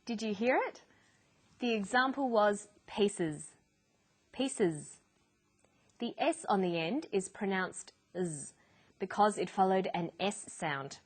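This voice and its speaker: A woman narrating an English lesson in a clear, deliberate teaching voice. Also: medium pitch. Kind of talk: scripted educational narration.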